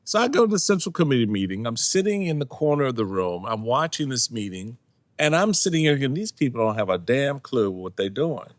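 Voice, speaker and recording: A man in his sixties, a guest in a casual interview, telling lively stories and acting out what people said, laughing often. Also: mid-range voice, fairly quick, no echo. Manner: animated storyteller, acts out quotes, laughs often. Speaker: podcast guest, former party chairman.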